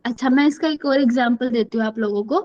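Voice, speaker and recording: A high-voiced woman runs an online class, calling on students by name for answers and slipping English words into her Hindi. The sound is dull and lo-fi, like an online call. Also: quick pace, a little mellow. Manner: quizzes students by name, switches often between Hindi and English.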